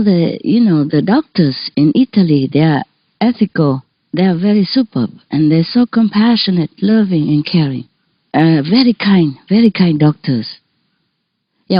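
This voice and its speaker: Woman, chatty storytelling, lowish voice, dull dry recording. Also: no room sound. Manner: chatty, warm anecdotes with frequent laughs and restarts. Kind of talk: casual talk to an audience.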